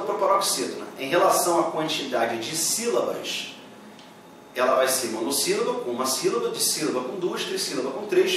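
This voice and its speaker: A Brazilian man lecturing on grammar, with his somewhat high voice ringing around a bare room. He sits a little away from the mic, and a faint hum of room noise runs under him. He keeps checking in with his students as he goes. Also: fairly bright tone. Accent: Brazilian Portuguese. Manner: patient, checks in with "beleza?" and "tá?". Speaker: Portuguese exam-prep teacher. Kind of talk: classroom lecture explaining grammar. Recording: echoey room, voice from a distance.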